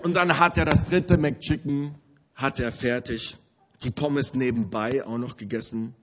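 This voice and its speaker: A man preaching, telling a funny story in an animated, often laughing way before citing scripture. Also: mid-range voice, unhurried, highs cut off. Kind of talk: story-driven sermon.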